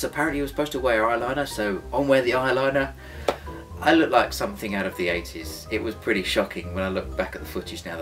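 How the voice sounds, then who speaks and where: Ein junger britischer Mann, Mitschöpfer einer selbstgedrehten Serie, plaudert scherzhaft und selbstironisch im Interview. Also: male voice, on the low side. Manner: joking, self-mocking. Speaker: co-creator and actor of a home-made series. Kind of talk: casual interview chat. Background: guitar music.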